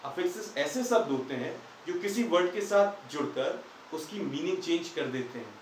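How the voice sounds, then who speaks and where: A man with a slightly high, expressive voice teaches English grammar in Hindi at a moderate pace, patiently posing questions and answering them himself. He sounds far from the mic in an echoey room, with slight background noise.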